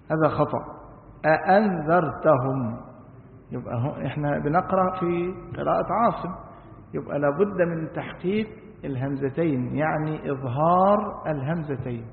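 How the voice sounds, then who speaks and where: A man giving a religious lesson, explaining slowly, asking rhetorical questions and chanting verses. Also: fairly high pitch. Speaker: Quran commentary teacher. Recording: echoey hall on a tinny, phone-like line.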